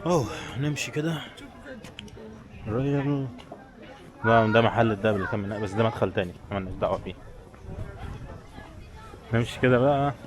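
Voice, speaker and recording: Strolling through a tourist village and browsing its shops, this travel vlogger chats informally to his viewers in an Egyptian Arabic accent. His pitch is fairly low and his pace brisk, broken by long pauses, with crowd noise and street bustle behind him.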